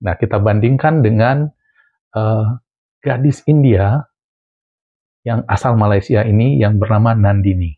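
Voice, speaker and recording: A man's voice: lowish voice, a little slow, long pauses, no echo. A man from Indonesia hosting a vlog, giving emphatic commentary on video clips and repeating his points. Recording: tinny phone-like sound.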